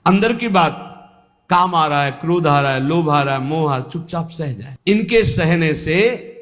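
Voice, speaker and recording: A man giving a devotional sermon as a spiritual teacher, slow and measured, with pauses and falling endings. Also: a little high, animated, a bit bright. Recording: long hall reverb.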